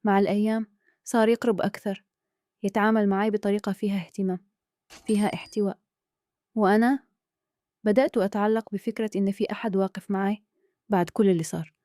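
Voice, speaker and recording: A woman with a Kuwaiti accent telling a dramatic first-person story in a soft, earnest way. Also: medium pitch, steady tone, fast talker, pauses often, dry recording. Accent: Kuwaiti Arabic.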